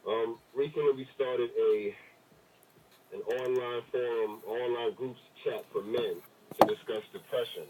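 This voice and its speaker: A man's voice: medium pitch, fairly even intonation, a little slow, heavy background noise. A man calling in to a radio show over the phone, speaking earnestly and reflectively. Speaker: caller, charity co-founder. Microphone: phone line. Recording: distant phone-line voice.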